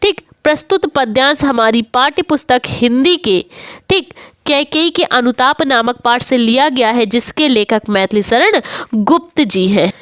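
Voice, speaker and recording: Woman teacher, high voice, smooth and clear, dry close sound, step-by-step exam lesson. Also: expressive, measured pace, fairly bright tone, no room sound. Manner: explains step by step, repeats "ठीक है" and rhetorical questions. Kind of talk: exam-prep lesson, reading passages aloud.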